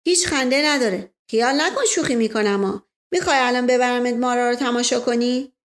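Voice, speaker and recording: A woman's voice: fairly high pitch, lightly acted. Brief: woman playing a scheming charmer of a nobleman, persuasive and playful, storybook. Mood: mock-serious.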